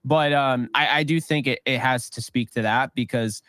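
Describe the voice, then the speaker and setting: A man co-hosting a sports podcast, giving rambling, animated opinions with lots of fillers. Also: mid-range voice, moderate pace, dry recording, clean studio sound. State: voice getting worn. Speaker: podcast co-host. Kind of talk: casual sports talk.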